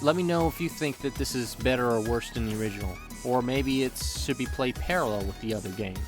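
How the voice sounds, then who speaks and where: Over background music, a man with a medium-pitched voice reads a scripted game review a little fast. He keeps things lighthearted, slipping in playful, joking asides.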